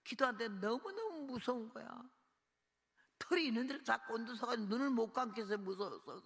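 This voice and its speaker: A woman's voice: fairly high pitch, animated, a little fast. A woman missionary preacher giving a dramatic sermon testimony, acting out her own cries and prayers. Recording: reverberant hall sound.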